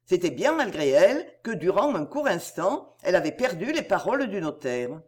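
A woman narrating a novel as an audiobook, measured and expressive. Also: lowish voice, breathy edge.

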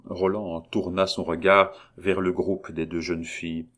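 A man reads a novel aloud in a measured, even narration. His voice sits very low and deep. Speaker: audiobook narrator. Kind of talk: audiobook narration.

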